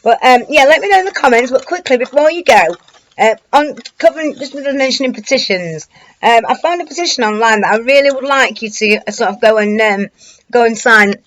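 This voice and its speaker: A woman's voice: on the high side, expressive, fairly quick, a bit bright, rough recording. Rambling British woman giving commentary. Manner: rambling, hesitant, colloquial. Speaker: online commentator. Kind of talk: informal news commentary to camera.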